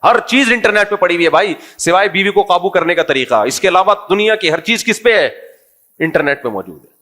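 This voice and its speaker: A man's voice: sits high, expressive, bright, forceful tone. A middle-aged man, a religious scholar, giving a humorous, conversational religious talk and quizzing his audience.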